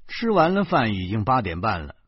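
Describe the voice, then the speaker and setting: A man's voice: fairly low pitch, wildly swooping pitch, brisk, slightly rough, dry recording. A man with a Beijing accent reading a first-person novel aloud, animatedly acting out the dialogue. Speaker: audiobook narrator. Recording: dry dull lo-fi recording.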